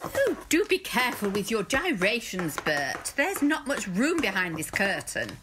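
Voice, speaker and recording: A woman's voice: medium pitch, huge pitch swings, measured pace, noisy background. A woman voicing an affected, showy socialite who gushes. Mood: gushing. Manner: gushing, showy. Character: affected glamorous socialite Arabella.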